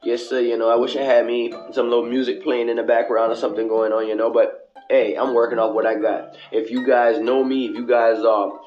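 A man's voice: mid-range voice, little pitch movement, fairly quick, dull audio, soft background music. Man preaching motivation in an echoing bathroom. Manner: preachy, repetitive phrasing with street slang and swearing. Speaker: radio show host. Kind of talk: motivational casual monologue to listeners. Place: small indoor bathroom. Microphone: cell phone with headphones. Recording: echoing bathroom, band-limited cell phone headset.

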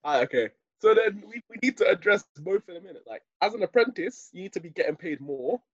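A young man speaks in a London roadman accent, swinging animatedly through his slang. His voice is husky and a little high, on a dry, muffled recording. It is casual, matey podcast banter. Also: lively intonation, fast, no room sound. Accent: London roadman, urban British slang. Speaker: podcast co-host.

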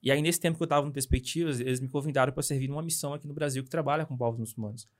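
A young Brazilian man, a missionary guest, telling his story in a casual interview with animated, hurried speech and frequent tag questions. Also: mid-range voice. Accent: Brazilian Portuguese.

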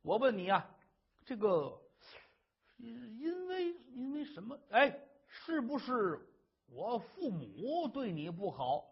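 A man's voice: very high voice, sing-song, slow, husky, muffled recording, heavily acted. A man voicing a worried husband who coaxes his wife to explain, in an earnest way. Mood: coaxing. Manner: coaxing, earnest. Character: worried doting husband, a scholar, boastful.

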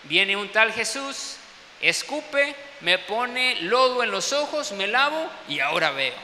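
This is a stubborn, blunt young man who was born blind, acted out by a male preacher mid-sermon. His voice sits high and cuts sharply. It rings through a reverberant hall over a faint hiss. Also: very animated, slow, exaggerated voice. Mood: matter-of-fact. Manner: plain-spoken, rising to shouts.

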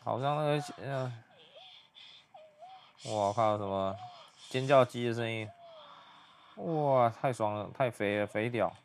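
A young man giving hushed, muttered play-by-play commentary as he reacts to a video. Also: medium pitch, slow pace, pauses often, slight background noise.

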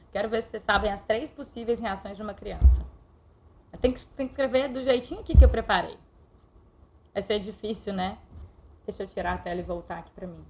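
A middle-aged woman with a higher-pitched voice teaches an online lesson over a live stream, with slight background noise. She coaches warmly and directly, addressing her viewers with affection.

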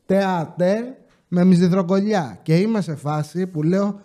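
Man, high voice, mellow tone, casual comic storytelling, joking asides. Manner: animated, joking, slangy, with coughs and asides. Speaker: podcast host telling casino work stories.

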